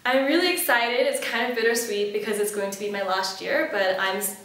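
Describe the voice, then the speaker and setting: Heard from afar in a heavily echoing room, a cheerful Malaysian woman in her twenties talks in an interview about chairing a committee, filling pauses and restarting sentences. She speaks fairly quickly in a slightly high, somewhat bright voice with fairly even intonation.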